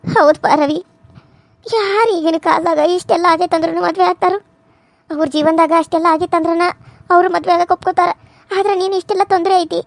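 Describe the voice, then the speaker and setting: A caring middle-aged mother in a cartoon serial, advising her married daughter. She speaks with a North Karnataka Kannada accent in a very high, dry voice. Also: no echo. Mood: grateful. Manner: fussy, motherly instructing.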